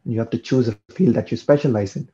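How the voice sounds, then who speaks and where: Quick-paced and dark-toned at a medium pitch, this young man comes through on dull audio. He's an Indian PhD student, Tamil his first language, talking about his studies in a casual interview and repeating words as he gathers his thoughts.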